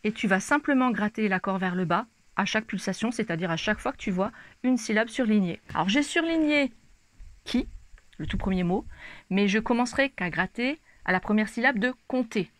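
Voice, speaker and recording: This ukulele teacher breaks down chords step by step, addressing her audience directly and informally. Her mid-range voice has a lively intonation and a slightly fast pace, with no echo, and ukulele playing can be heard behind her.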